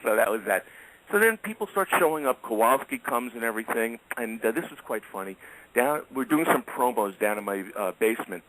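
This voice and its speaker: A man's voice: mid-range voice, lively intonation, a little fast, a bit bright, rough recording. A middle-aged man telling casual anecdotes as a radio guest, chatty and chuckling often.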